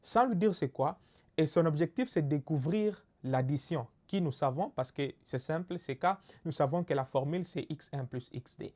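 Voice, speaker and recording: A man's voice: fairly high pitch, moderate pace, darkish tone. A man with a Congolese French accent giving a recorded lesson, explaining step by step with frequent fillers and checks for understanding. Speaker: teacher. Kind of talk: recorded lecture.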